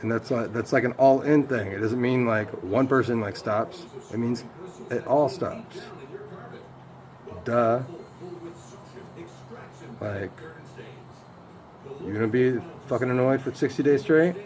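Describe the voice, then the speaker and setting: A man's voice: mid-range voice, takes it slowly, long pauses, crowd noise. A man in rambling casual talk, complaining in a sweary, confrontational way.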